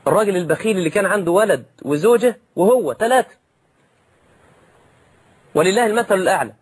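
A man preaching a sermon in an Egyptian accent, lively and direct, calling his listeners brothers and slipping in jokes. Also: high voice, quick pace, breathy edge. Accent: Egyptian Arabic.

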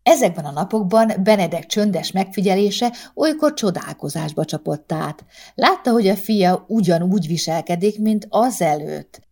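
A woman narrating a short story in a calm, measured reading. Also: mid-range voice. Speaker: audiobook narrator. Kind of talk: scripted narration.

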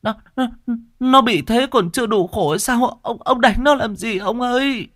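A man's voice: extremely high pitch, moderate pace, fairly bright tone, pitched above the performer's own voice. A man voicing an older village wife who pleads in a sobbing way. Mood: pleading.

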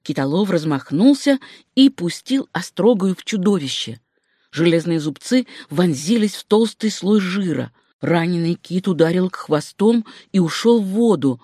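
A reader giving scripted narration of an adventure story with a steady storytelling delivery. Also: medium pitch, normal speed, slightly rough, dry recording, studio quality. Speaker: audiobook reader.

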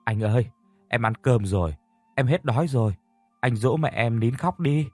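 A man narrating a storybook puts on a hungry little ghost boy who pleads slowly and softly, as if at someone's ear. The voice sits at an ordinary pitch with no room sound at all. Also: no echo, soft background music, lightly acted. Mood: pleading.

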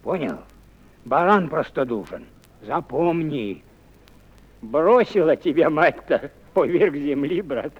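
An actor playing a stern, irritable old grandfather in a radio drama, scolding and drilling a boy on the alphabet with gruff name-calling. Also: very high-pitched, expressive, takes it slowly, lo-fi sound, full character voice. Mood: brooding low. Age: older. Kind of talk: 1950s-60s radio drama acting.

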